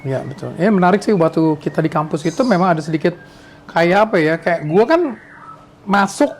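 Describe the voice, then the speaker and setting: A man in his sixties from Indonesia hosts a casual podcast chat. He reminisces in a high voice, rambling and restarting, with a faint hiss behind him. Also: animated, brisk. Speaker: podcast host.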